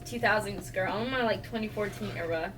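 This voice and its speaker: A young woman co-hosting a casual podcast, relaxed and trailing off softly. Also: mid-range voice, a little fast, a crowd in the background. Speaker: podcast co-host. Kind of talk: casual chat. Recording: distant mic, faint room noise.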